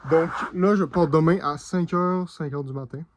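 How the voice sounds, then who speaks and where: A man's voice: on the high side, moderate pace, background noise. Rambling Québécois young man vlogging. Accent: Québécois French. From Quebec, Canada. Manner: rambling, full of slang fillers. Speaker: travel vlogger. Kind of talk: casual travel vlog chat.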